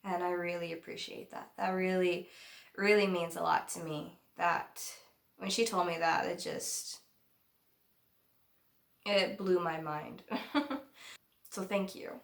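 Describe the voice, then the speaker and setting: A woman's voice: lowish voice, steady tone, slow pace, gravelly, long pauses, echoey room. A young woman vlogger telling a personal story in a casual, chatty way, laughing often.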